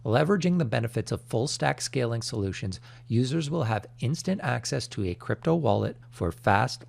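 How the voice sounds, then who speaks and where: A man hosting a crypto channel in an energetic, chummy crypto-bro manner, pitching with emphatic salesman hype. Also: creaky. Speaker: YouTube crypto channel host. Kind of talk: energetic promotional vlog commentary.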